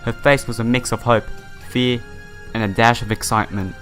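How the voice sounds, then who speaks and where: This let's play host speaks in a mid-range voice at a normal speed, steady and fairly bright. He keeps things informal, reading the game's story text and chatting directly with viewers while game music runs in the background.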